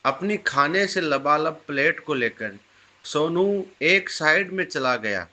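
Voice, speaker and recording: Male storyteller, calm and measured, slow delivery, bright tone. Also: on the high side. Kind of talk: scripted moral story narration.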